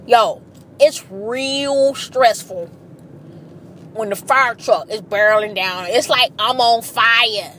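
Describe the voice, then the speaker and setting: A woman's voice: on the high side, slow pace. A woman chatting casually and animatedly while driving in traffic, swearing freely, recorded in her car. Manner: chatty, profane, animated storytelling. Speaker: vlogger. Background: faint car and road noise.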